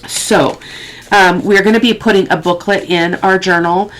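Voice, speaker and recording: A crafting tutorial host with a lower-pitched, fairly bright voice works at an indoor craft table, sniffly from a head cold. She talks casually and ramblingly about her process in a steady, unhurried, halting way, thinking aloud, on a low-quality recording.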